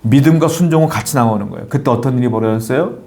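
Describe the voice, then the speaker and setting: A male pastor preaching a sermon, moving between calm explanation and lively, emphatic lines with playful quoted nagging. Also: mid-range voice, rapid-fire, vocal fry. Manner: animated preaching, voices quoted nagging and warnings. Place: church.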